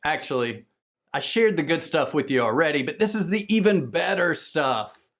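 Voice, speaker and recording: A man from the southern United States with a Southern American accent, giving an energetic, fast-talking, salesy conference presentation on podcast business. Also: a little high.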